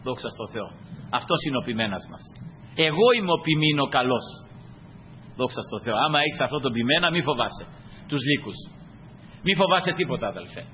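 High-pitched preacher swinging loud and soft. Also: male voice. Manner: rising to high emphatic peaks, then dropping low and soft; fills pauses with "brothers" and "glory to God". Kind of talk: sermon. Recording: muffled sermon recording with faint room noise.

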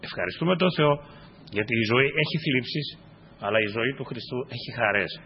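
Male preacher, sermon delivery, husky tone, dips low then breaks into emphatic bursts, muffled lo-fi recording. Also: expressive. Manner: swings from low, quiet asides to sudden high emphatic bursts. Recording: dull lo-fi recording.

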